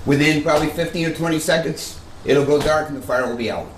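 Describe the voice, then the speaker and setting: In an echoey space with faint noise, a man briefs like a fire chief. He talks quickly in practical steps, repeating his directions. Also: on the high side. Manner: repetitive, step-by-step directions. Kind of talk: instructional walk-through and briefing.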